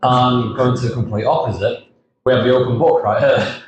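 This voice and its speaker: A man's voice: mid-range voice, fairly even intonation, fairly quick, very echoey, highs cut off, a little hiss or hum. A young man co-hosting a podcast, teasing his friend and prompting him with questions. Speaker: podcast co-host. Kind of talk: casual chat.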